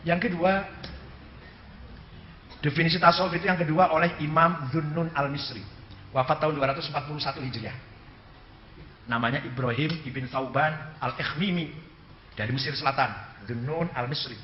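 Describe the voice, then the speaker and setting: A man giving a religious lecture in with a light tinge, animated and joking, acting out dialogues and quoting Arabic. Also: a little high, moderate pace, pauses often, a little hiss or hum. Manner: animated, mimics dialogue for humor, quotes Arabic. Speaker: Islamic cleric lecturing. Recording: echoey, slightly muffled hall recording.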